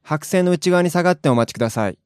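A man's voice: fairly high pitch, lively intonation, fast talker, clear, resonant tone, natural voice. A man voicing a platform announcer who makes a formal train station announcement in a lesson dialogue.

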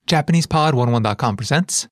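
A man working as an announcer, giving a scripted, upbeat and brisk promotional reading. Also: medium pitch, no echo, studio quality.

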